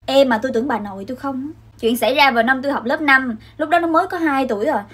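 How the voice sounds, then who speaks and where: A young woman, telling a comic childhood story in an animated, dramatic way. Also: sits high, fast, breathy edge, faint music behind. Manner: animated and dramatic, acts out scenes. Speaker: vlogger.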